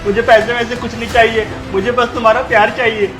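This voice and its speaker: A man's voice: very high-pitched, flat delivery, fast talker. A man playing a poor, mistreated husband who begs and pleads, in melodramatic short-video acting. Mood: pleading. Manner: pleading, wailing. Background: music.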